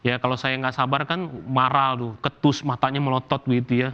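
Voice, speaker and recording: A man from Indonesia preaching a sermon as pastor, animated and casual, acting out everyday complaints. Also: mid-range voice, a little fast, clear, resonant tone, muffled recording. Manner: animated, acts out quoted complaints in casual slang.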